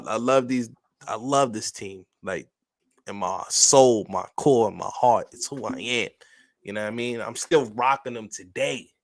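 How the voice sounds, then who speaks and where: A man's voice: mid-range voice, a bit bright, no echo, studio quality. A man with a New York accent co-hosting a casual sports podcast, emphatic and slangy, often asking "you know what I'm saying". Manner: emphatic, slangy, repeats filler phrases.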